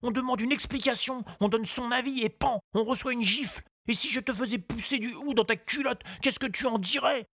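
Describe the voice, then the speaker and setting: A man voicing an earnest, indignant little boy in a storybook reading, with a high childlike voice. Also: moderate pace, vocal fry, sharp tone, dry recording, full character voice. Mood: hurt. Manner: high childlike voice, outraged pleading.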